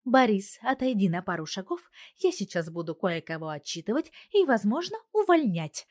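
A woman voicing a sharp-tongued young wife, a computer genius who scolds and gives orders. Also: on the high side, lively intonation, fairly quick, dry recording, clean studio sound, voice pushed up. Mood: scolding. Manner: commanding, scolding.

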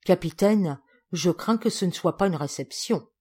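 A woman's voice: lowish voice, moderate pace, darkish tone, slightly rough. A woman voicing a grave, solemn male second-in-command in an audiobook. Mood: gloomy.

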